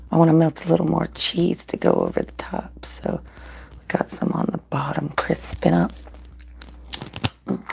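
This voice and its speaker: Live-stream host, woman, slow drawl with a very gravelly edge, chatty, slipping into whispers, recorded on a computer mic at home. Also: lowish voice. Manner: chatty, reads viewer comments aloud, often drops to a whisper. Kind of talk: casual live-stream chat while cooking and eating. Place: home, at a table with a griddle.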